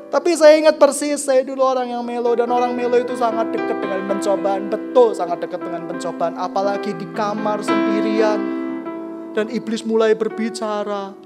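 Animated preacher from East Java. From Kediri, East Java, Indonesia. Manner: swings between loud, excited exclamations and soft, low passages; often addresses the congregation as brothers and sisters. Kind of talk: sermon.

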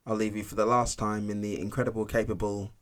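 A man's voice: fairly low pitch, level tone, quick pace, a bit bright. A man who drops his T's, presenting a scripted podcast introduction as its playful host.

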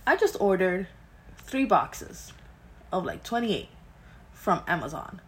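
A woman's voice: lowish voice, very animated, normal speed, fairly bright tone. A woman with a Miami accent chatting informally as a co-host, with slangy, sweary talk. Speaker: podcast co-host. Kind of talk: casual chat, reading and commenting on news items.

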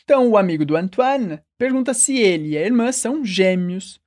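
Brazilian woman teaching French phrases slowly. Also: mid-range voice, animated, darkish tone. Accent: Brazilian Portuguese. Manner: slow, carefully enunciated model phrases. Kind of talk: language lesson with repeat-after-me drills.

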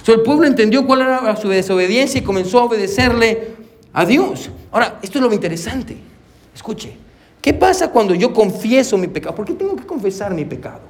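A pastor preaching a sermon with lively delivery, peppering his points with "amén" and acting out little conversations. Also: high-pitched, a little fast. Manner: animated preaching, punctuated with frequent "amén"; acts out little dialogues with congregants and his wife.

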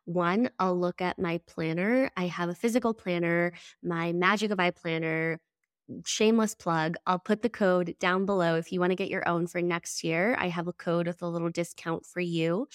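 Woman podcast host, lowish voice, stuffy nose from a cold, earnest and reflective, dry close sound. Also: fairly even intonation, normal speed, no room sound. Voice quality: nasal. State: congested from a head cold. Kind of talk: solo podcast monologue.

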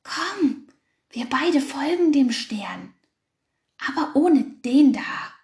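A woman's voice: animated, slow pace, darkish tone, reverberant. A woman voicing a timid little hare that is easily frightened, in a storybook reading. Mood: hushed. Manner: fearful, squeaky.

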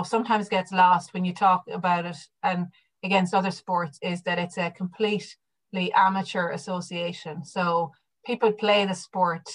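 A woman's voice: on the low side, low-quality recording. A woman from the west of Ireland, with that region's accent, explaining things conversationally as an interview guest. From County Mayo, west of Ireland. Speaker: podcast guest.

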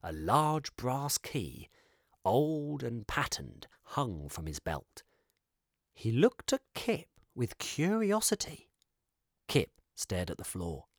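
A man narrating a children's storybook in an expressive, measured way. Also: mid-range voice, dry recording, clean studio sound.

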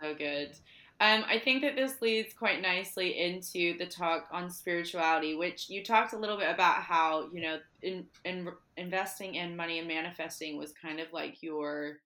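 A woman's voice: on the low side, moderate pace, pushed and bright, echoey room. A woman hosting a podcast interview, talking reflectively in loose, run-on phrases. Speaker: podcast host. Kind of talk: casual interview chat.

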